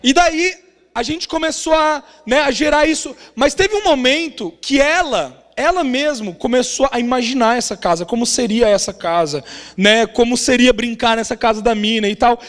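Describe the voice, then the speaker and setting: A young adult Brazilian man preaching as a pastor, telling a family story in an animated way and often ending phrases with a tag question. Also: extremely high pitch, normal speed. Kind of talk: sermon storytelling. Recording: long reverb of a large hall.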